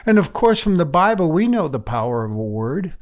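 Male pastor, slightly high voice, gentle devotional teaching, narrow telephone-like sound. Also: big pitch swings, fairly quick.

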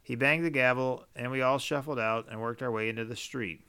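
A male audiobook narrator telling a story in a measured, even way. His voice is smooth and resonant, clear on every word. The pitch is in an ordinary middle range.

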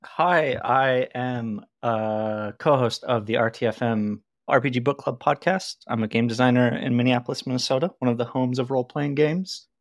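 A man's voice: mid-range voice, steady tone, moderate pace, hardly any pauses, no echo, clean studio sound. A man speaking as a podcast guest in casual chat, wry and self-deprecating. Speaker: podcast guest, game designer.

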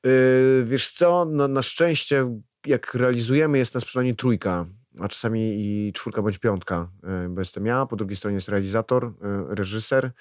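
A man's voice: medium pitch, moderate pace, dry recording, clean studio sound. A man who works as a voice actor, talking casually in an interview, rambling and acting out quoted lines. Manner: animated, rambling, acts out quotes. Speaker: voice actor guest.

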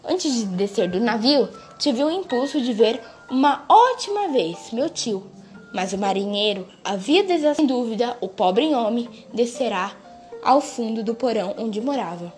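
Woman reading a story over music. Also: a little high. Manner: measured, expressive reading with small restarts. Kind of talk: story read aloud. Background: faint music.

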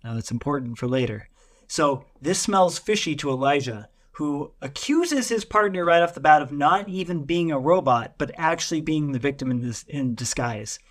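Guy on a book podcast, kinda high voice, rambles along with lots of uhs. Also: expressive, normal speed. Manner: chatty, rambling summary with fillers. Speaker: podcast co-host. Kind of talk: casual podcast chat.

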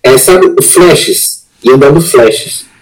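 A man, a pastor giving an emotional personal testimony as a podcast guest, earnest and halting, often repeating words. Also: medium pitch, animated, rough recording.

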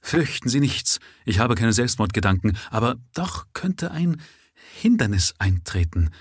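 A man's voice: fairly low pitch, big pitch swings, measured pace, breathy edge, dry recording, clean studio sound, full character voice. A man reading aloud, voicing a dying male avenger who speaks earnestly in a raised voice.

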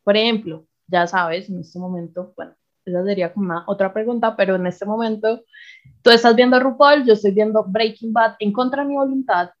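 A woman's voice: medium pitch, a little fast, muffled recording. A Colombian woman co-hosting a podcast in casual, slangy Spanish sprinkled with English words. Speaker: podcast co-host. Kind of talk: casual, chatty podcast talk.

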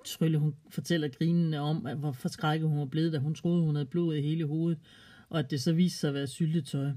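Mellow, husky children's storyteller. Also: mid-range voice, fairly even intonation.

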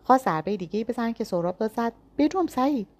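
A woman reading a first-person thriller story aloud with tense, dramatic storytelling. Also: mid-range voice. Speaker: narrator.

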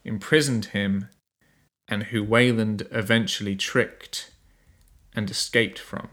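A man narrating an improvised tabletop game as game master, halting as he searches for words. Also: on the low side, steady tone, fairly bright tone.

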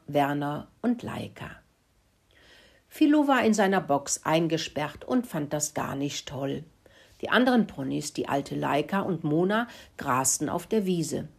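Woman reading a kids' story, low husky voice, gentle and clear. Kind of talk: children's storybook narration.

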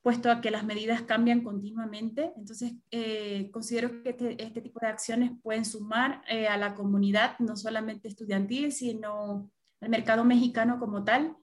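Venezuelan woman with a Caribbean Spanish accent. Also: fairly high pitch. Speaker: podcast guest, travel assistance expert. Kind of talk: interview talk.

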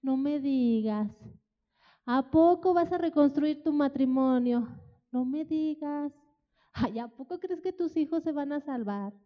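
A woman's voice: high voice, unhurried. A woman putting on a scoffing, sneering mocker. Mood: mocking. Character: scoffing enemy mocking the builders, a man. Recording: dull, reverberant hall sound.

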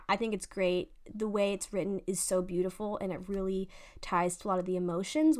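A young woman hosting a faith podcast, talking in a fast, excited, gushing way. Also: mid-range voice. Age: young adult. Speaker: podcast host. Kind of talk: casual faith podcast monologue.

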